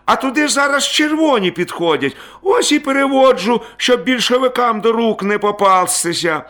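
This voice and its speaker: A man's voice: extremely high pitch, animated, moderate pace, bright, forceful tone, voice pushed up, heavily acted. A man reading as a stern, trembling father. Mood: feigned calm. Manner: tense, voice trembling. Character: stern weary father, middle-aged man, grim.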